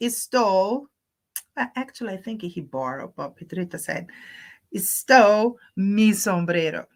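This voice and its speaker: On her storytime livestream, a children's channel host talks to little ones in easy teacherly language with Spanish words woven in. Her mid-range voice sounds pushed and bright.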